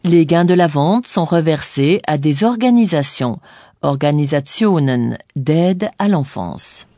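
A woman narrating a scripted language course in a didactic way, pausing on key words. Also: low-pitched, animated, dark tone, no echo. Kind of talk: scripted bilingual explanation.

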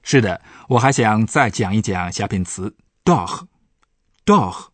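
A man's voice: on the low side, measured pace, slightly rough, no room sound. A man, a professor, patiently explaining German grammar in a radio language lesson.

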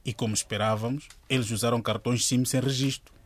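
An actor playing an earnest, probing male police agent with a husky voice in a radio drama. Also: medium pitch, steady tone, brisk, slight background noise, natural voice. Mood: serious. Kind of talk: scripted radio drama acting.

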